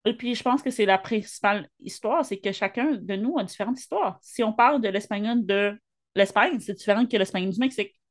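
A woman with a mid-pitched voice co-hosts a casual podcast. She talks reflectively and personally, pausing briefly now and then as she gathers her thoughts. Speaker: podcast co-host.

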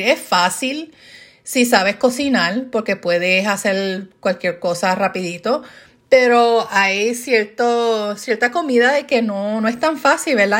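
A middle-aged woman talking casually to her viewers, ranting in an animated way with rhetorical questions and frequent laughs. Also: fairly high pitch. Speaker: vlogger.

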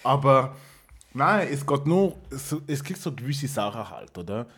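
Casual chat guest: husky-voiced man, French accent, hesitant restarts. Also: medium pitch, big pitch swings, moderate pace, fairly bright tone. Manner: hesitant, many restarts and fillers.

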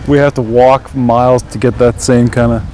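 A man's voice: medium pitch, flat delivery, moderate pace, darkish tone, slight background noise. A man co-hosting a podcast, chatting casually while walking outside, dry and profane, laughing often. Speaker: podcast co-host.

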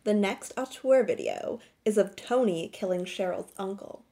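A woman's voice: medium pitch, moderate pace, warm tone. A woman co-hosting a podcast in casual chat, with a slight lisp from a bitten tongue and a dry, joking manner. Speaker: podcast co-host.

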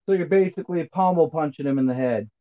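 A man running a tabletop role-playing game as game master, calling rolls in a relaxed, matter-of-fact way. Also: on the high side, quick pace, narrow, tinny audio.

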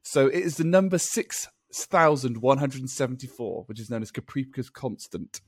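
A man's voice: mid-range voice, animated, moderate pace, husky, no room sound, studio quality. A man co-hosting a podcast in casual chat, rambling and laughing often as he explains things. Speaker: podcast co-host.

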